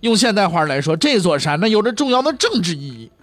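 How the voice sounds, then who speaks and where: A man's voice: high-pitched, big pitch swings, fast talker, fairly bright tone, no echo, soft background music. Joking man telling history tales. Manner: humorous, chatty, asks the listener rhetorical questions. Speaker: storyteller. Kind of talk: comic pingshu storytelling.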